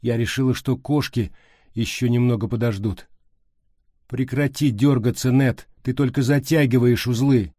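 A man's voice: mid-range voice, fairly even intonation, normal speed, mellow, no echo, clean studio sound, pitched above the performer's own voice, close to an everyday voice. A man voicing a capable middle-aged woman whose voice trembles as she speaks. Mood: shaken, urgent. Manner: trembling, urgent.

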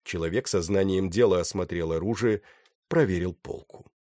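A man narrating a novel with steady, dramatic storytelling. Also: low voice, moderate pace, no room sound, studio quality. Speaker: audiobook narrator. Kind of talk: scripted narration.

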